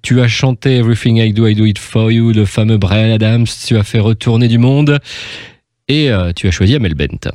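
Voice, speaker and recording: A man's voice: fairly low pitch, normal speed, a little mellow, no echo, studio quality. A male host running a casual interview in a chatty, upbeat way, often repeating himself. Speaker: radio host.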